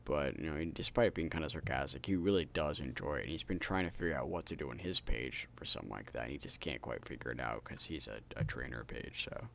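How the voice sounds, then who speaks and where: A man's voice: extremely low pitch, fast talker, gravelly, few pauses, a bit bright, slight background noise. A tired man hosting a gaming channel, rambling casually to his viewers and swearing freely. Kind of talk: rambling outro chat to viewers.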